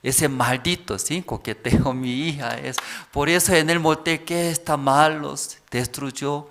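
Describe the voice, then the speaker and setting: A man's voice: on the high side, fairly even intonation, unhurried, a bit bright. A man voicing a grieving parent who bitterly blames another family's child. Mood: lamenting.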